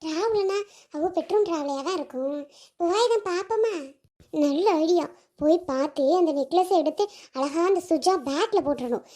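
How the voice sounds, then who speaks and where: A woman voicing a scheming, jealous village woman in a cartoon, talking slyly in a low hushed way. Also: moderate pace. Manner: sly, whispery, conspiratorial. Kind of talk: cartoon voice acting.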